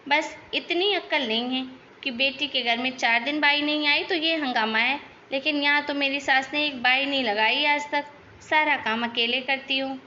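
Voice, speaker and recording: A woman's voice: high voice, normal speed, sharp tone, highs cut off, slight background noise. A woman voicing a chatty young daughter-in-law in a cartoon, complaining about her in-laws. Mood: gossiping. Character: gossipy young daughter-in-law, lazy and talkative. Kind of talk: cartoon voice acting.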